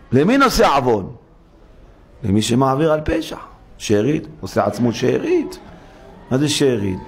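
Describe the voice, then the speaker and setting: A man's voice: mid-range voice, vocal fry, a little mellow. A male rabbi giving a sermon in a synagogue, dramatic, acting out complainers through rhetorical questions. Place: synagogue study hall.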